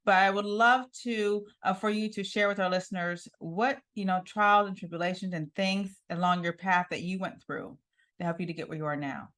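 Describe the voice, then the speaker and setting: A woman's voice: mid-range voice, steady tone, moderate pace, a bit bright. A woman hosting an interview show, introducing her guest with enthusiasm and laughing often. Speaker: TV show host.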